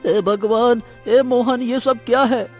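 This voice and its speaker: A man doing a shrill boastful woodcutter. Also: fairly even intonation, measured pace, faint music behind. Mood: bewildered.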